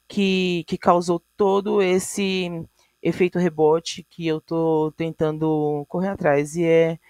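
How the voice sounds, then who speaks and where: A woman's voice: on the low side, a little mellow, no echo. A woman vlog host reacting in casual talk, reflective and hesitant, often restarting her sentences.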